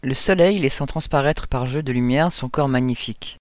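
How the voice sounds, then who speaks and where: A man reading a story aloud in an even storytelling voice. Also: medium pitch, normal speed, dry recording. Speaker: narrator.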